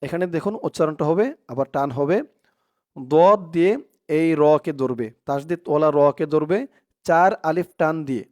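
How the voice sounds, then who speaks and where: A man teaching Quran reading, sounding out each syllable, chanting verses slowly and explaining pronunciation rules in between. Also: a little high, a little mellow. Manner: drawn-out chanted recitation alternating with quick explanations. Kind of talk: slow spelled-out Quran reading lesson.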